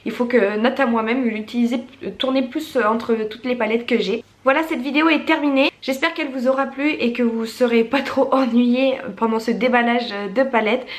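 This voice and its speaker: A woman's voice: fairly high pitch, steady tone, normal speed, few pauses, echoey room. A woman vlogger casually reviewing her makeup collection, chatty, with many fillers and restarts. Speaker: beauty vlogger.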